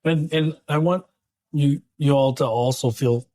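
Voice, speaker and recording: A man hosting a casual roundtable discussion, chatty and quick to interject. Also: a little high, dark tone. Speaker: podcast host.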